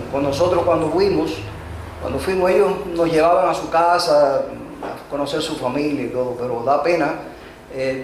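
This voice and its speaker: A man with a Chilean accent preaching a sermon to his congregation, hesitant, with frequent filler sounds and repeated words, calling them brothers. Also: on the high side. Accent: Chilean Spanish. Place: church. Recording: echoey church hall with faint noise.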